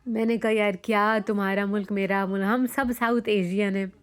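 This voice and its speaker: A young woman from Pakistan narrating a casual vlog, chatty and animated, with many fillers as she tells the story. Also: mid-range voice, moderate pace, smooth. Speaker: vlogger.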